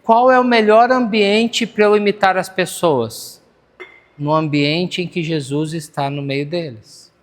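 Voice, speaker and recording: A high-pitched man with a Brazilian accent delivers an earnest, conversational sermon, often turning to ask if the congregation is with him. His voice rings out with a long church-hall reverb. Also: fairly even intonation, unhurried. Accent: Brazilian Portuguese. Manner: earnest, conversational preaching with audience check-ins. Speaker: pastor.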